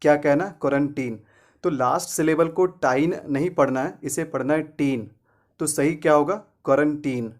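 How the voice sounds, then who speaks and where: A man's voice: fairly high pitch, steady tone. Man teaching English pronunciation. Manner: asks and answers his own questions, repeats the correct form; slows right down for English example sentences. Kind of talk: pronunciation lesson.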